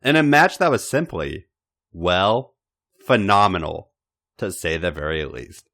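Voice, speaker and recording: A deep-voiced man reads fan fiction for his podcast, animated and fairly bright in tone. He goes a little slowly, delivering the narration with drama and emphasis.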